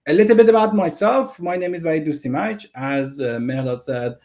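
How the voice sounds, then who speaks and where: Speaking a little fast in a fairly high, slightly mellow voice, an Iranian man presents technical material as a guest over a video call. A native Persian speaker with an Iranian accent, he is eager and frequently starts phrases over.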